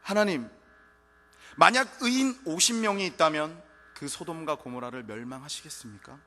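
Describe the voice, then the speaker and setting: A preacher voicing Abraham, pleading and bargaining. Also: male voice, a little high, expressive, normal speed, pushed and bright, voice pushed up. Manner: pleading, apologetic. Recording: reverberant church hall, faint music.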